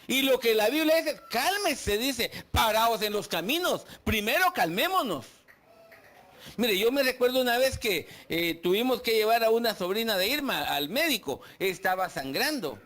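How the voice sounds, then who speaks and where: Pastor in church, high lively voice, animated sermon, keeps asking the crowd stuff. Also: male voice, normal speed. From Guatemala. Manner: animated preaching, asks the congregation questions, acts out complaints.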